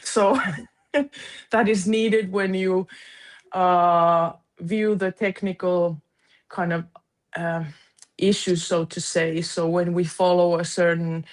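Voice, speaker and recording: Lady on a video call, slow and unhurried, stops and restarts a lot while looking for words. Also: fairly low pitch, little pitch movement. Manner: hesitant, searching for words with many restarts. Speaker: conference events board member. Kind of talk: casual video-call chat.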